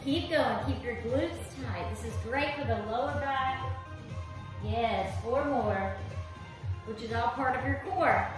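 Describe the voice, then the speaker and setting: A high-voiced woman leads a workout as an aerobics instructor. She gives unhurried, encouraging cues and counts while exercising. The room is very echoey, with faint music behind her. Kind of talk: live exercise class instruction with counting and cueing. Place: living room with hard wood floor, indoors.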